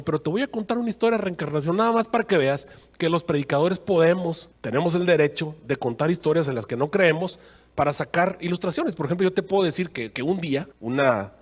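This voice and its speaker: A man with a Mexican accent preaching a sermon as a pastor, in a folksy, joking, conversational way. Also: on the high side.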